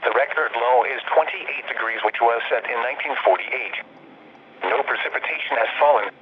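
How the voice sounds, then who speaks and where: A synthetic text-to-speech man's voice reading a scripted weather broadcast as a radio announcer, impersonal and formulaic, in clipped segments. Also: medium pitch. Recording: tinny narrow-band radio, clear noise.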